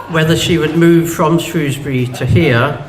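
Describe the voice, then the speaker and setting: Man chairing in an echoey hall. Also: fairly high pitch. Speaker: hustings chair. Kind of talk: chairing a public meeting. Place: indoor public meeting hall.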